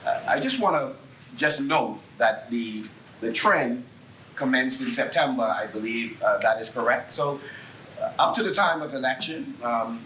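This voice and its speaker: A man's voice: mid-range voice, animated, bright, forceful tone, distant mic, a little hiss or hum. Bahamian man questioning from across an echoey chamber. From Nassau, Bahamas. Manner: probing, halting, with frequent restarts. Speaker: opposition member of parliament. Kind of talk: parliamentary debate questioning. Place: parliament chamber.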